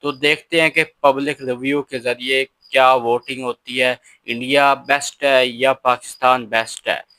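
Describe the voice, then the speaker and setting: A man's voice: medium pitch, little pitch movement, measured pace, hardly any pauses, pushed and bright, no echo. A man introducing a reaction video in a chatty way and asking viewers to subscribe. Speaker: reaction channel host.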